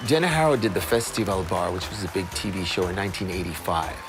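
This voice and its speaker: A man in his sixties from Switzerland, a singer telling stories about his career in a relaxed interview. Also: sits low, fast talker, music in the background. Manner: anecdotal, acts out other people's lines.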